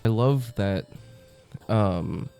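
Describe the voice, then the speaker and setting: Congested from a cold, the young comic reviewer speaks very slowly in a deep, gravelly, stuffy voice with a dark, mellow tone. Faint music plays underneath his casual monologue, which is chatty, enthusiastic and full of "um" and "uh."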